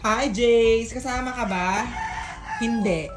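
A woman narrating a family vlog, chatty and teasing, sometimes breaking into high laughing shouts. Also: slow pace. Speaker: vlogger.

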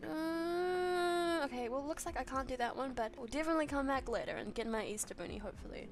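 A woman's voice: a little high, rapid-fire, slight background noise. A young woman chatting and giggling through casual let's-play commentary as a gaming host. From New Zealand.

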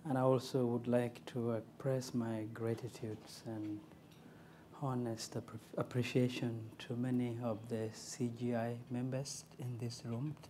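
A man in his thirties from South Sudan giving a halting, earnest keynote speech at a conference lectern. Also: mid-range voice, little pitch movement, mellow, slight background noise. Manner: halting and earnest, with many "uh" pauses. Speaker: foundation director. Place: large conference hall stage. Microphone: lectern microphone.

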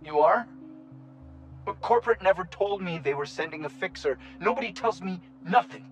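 A man voicing a weary robot security guard in a video game, speaking in a slightly robotic, flat and unenthusiastic way as he recites company rules. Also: high-pitched, normal speed, dull audio, soft background music. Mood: grumbling. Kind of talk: video game character dialogue.

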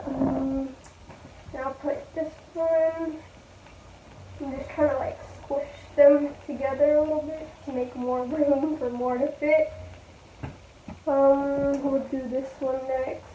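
A young woman in her twenties records a casual packing vlog on a phone set low on the floor of her small bedroom, chatting to viewers and thinking aloud as she folds clothes. The audio is echoey and tinny, with slight background noise.

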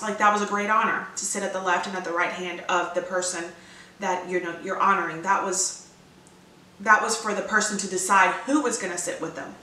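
Bright-voiced woman in a roomy echo. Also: medium pitch, distant mic. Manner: chatty, rambling with fillers and restarts. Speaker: devotional vlogger. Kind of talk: casual devotional talk. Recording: roomy echo from away from mic.

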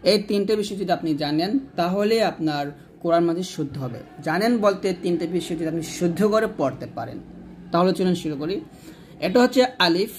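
High-voiced man teaching Arabic letters. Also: lively intonation, a little mellow, soft background music. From Bangladesh. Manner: drills syllables slowly, explains quickly. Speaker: Quran reading teacher. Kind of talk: step-by-step lesson.

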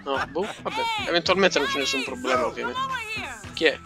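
A man's voice: medium pitch, fairly quick. A man casually commenting on his gameplay, joking and talking back to the characters on screen. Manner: joking, talks to the game characters, lively exclamations. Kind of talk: casual let's play commentary. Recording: game music loud behind. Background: loud game music and vehicle sounds.

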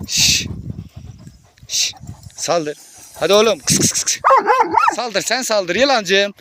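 A man filming his animals outdoors and talking to them, alternately shouting, laughing and coaxing in a soft hushed voice. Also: sits high, animated, slow. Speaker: shepherd filming his flock and dogs. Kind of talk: handheld vlog commentary. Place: outdoors on a farm. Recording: loud outdoor background noise.

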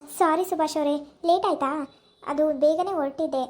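A woman's voice: high voice, steady tone, moderate pace, close to an everyday voice. A woman playing a caring young wife who scolds and presses a friend to make peace, asking question after question, in an amateur village drama. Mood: earnest.

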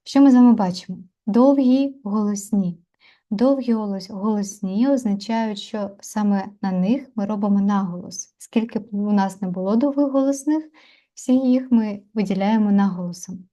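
A woman teaching Sanskrit pronunciation in an online lesson, explaining and repeating syllables slowly and carefully with pauses between them. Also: medium pitch, warm tone.

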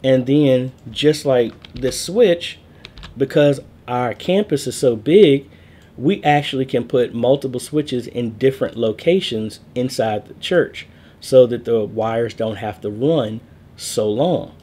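Taking it slowly in a mellow, medium-pitched voice, a man in his thirties runs a casual screen-share walkthrough of a church network. He goes step by step, with fillers and small self-corrections, recorded indoors on a webcam.

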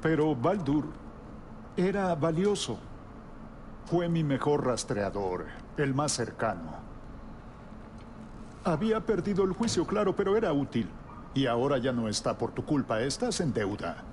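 An actor playing a sly, menacing old god king who sounds like a very old man, speaking in measured, pointed phrases in a game cutscene. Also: fairly high pitch, sing-song, a little mellow. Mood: cold accusing. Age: older. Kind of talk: dramatic video game cutscene acting. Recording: clear background noise.

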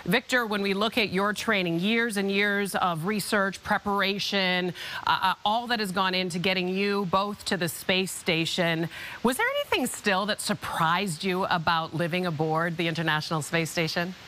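A woman's voice: medium pitch, fairly even intonation, normal speed, bright, forceful tone, a little hiss or hum, rough recording. A middle-aged American woman working as a morning TV anchor, interviewing live from a studio on a lapel mic. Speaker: television morning news anchor. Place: TV news studio.

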